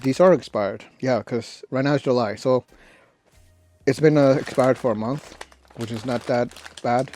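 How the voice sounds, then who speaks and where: A man giving a casual, unscripted snack review in a rambling, halting way, often correcting himself. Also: medium pitch, darkish tone. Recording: noisy, clicks and crinkling bag rustle. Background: crinkling snack bags and clicks.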